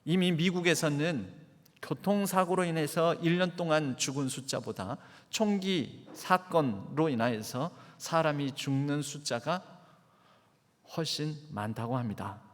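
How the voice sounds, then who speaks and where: A man's voice: on the high side, a little slow. A man, the pastor, preaching a sermon in a church and asking the congregation questions. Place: church sanctuary. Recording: church hall reverb.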